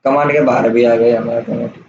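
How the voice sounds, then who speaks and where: Guy explaining software stuff step by step, roomy dull lo-fi sound, bit of hiss. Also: medium pitch, steady tone, quick pace. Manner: casual, explains step by step with "theek hai" checks. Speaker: software tutor. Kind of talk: screen-recorded software tutorial.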